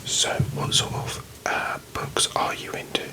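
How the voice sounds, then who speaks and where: Whispered role-play, hushed library whisper, British accent, a performer acting a strict officious librarian, slightly condescending. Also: unhurried, natural voice. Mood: businesslike.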